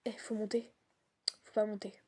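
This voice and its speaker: A woman's voice: mid-range voice, level tone, moderate pace, dark tone. A woman streaming a horror game, chatting casually and slangily as she reacts to the game with a partner.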